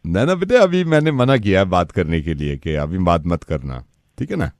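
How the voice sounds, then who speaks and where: A male radio host running a prank call, talking calmly and patiently in a soothing, reassuring way. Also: low-pitched, normal speed, no echo, studio quality. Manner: calm, patient, then laughing and teasing.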